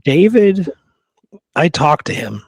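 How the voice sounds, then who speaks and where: A man co-hosting a history show talks casually about the Old West in a colloquial, opinionated way. His voice is on the high side and sing-song, slow-paced, gravelly and husky, with no room sound.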